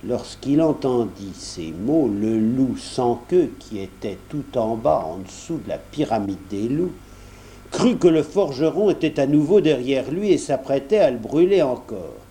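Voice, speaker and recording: Slow, lively male storyteller. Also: mid-range voice, slight background noise. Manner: addresses the young listener directly, explaining as he goes. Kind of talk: children's story reading.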